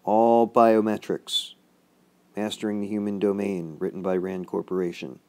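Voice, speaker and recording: Deep, dark-voiced man making clipped declarations. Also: steady tone, a little fast. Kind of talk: emphatic listing, activist commentary.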